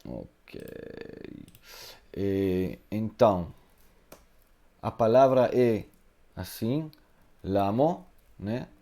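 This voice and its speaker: A man's voice: lowish voice, very animated, drawn-out words, long pauses, dark tone. Hesitant man teaching Hebrew live. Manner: hesitant, many fillers and tag questions. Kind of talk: live online lesson answering questions.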